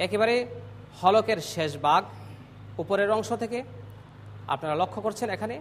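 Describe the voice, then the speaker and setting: A man teaching Quran pronunciation, drilling letter sounds slowly and clearly and calling on students to repeat after him. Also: sits high, big-room sound, a little hiss or hum. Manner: slow, clear drilling of letter sounds with call-and-response prompts. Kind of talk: classroom pronunciation lesson.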